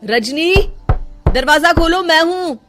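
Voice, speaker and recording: A woman's voice: extremely high pitch, animated, slow pace, over music, heavily acted. A woman voicing a concerned young husband in a cartoon story, pleading with his wife. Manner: questioning, pleading. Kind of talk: cartoon voice acting.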